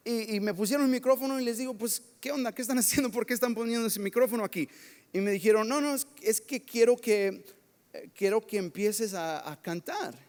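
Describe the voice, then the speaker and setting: High-voiced pastor in a reverberant church. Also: male voice, a little fast. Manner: lively, self-mocking storytelling with laughs. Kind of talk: sermon with personal stories. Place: church sanctuary.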